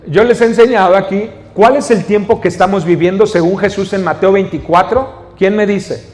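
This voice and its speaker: Speaking at a normal pace, the pastor's high, darkish voice fills a big church hall. With a Mexican Spanish accent, he teaches from scripture, reading it aloud before explaining and questioning the congregation.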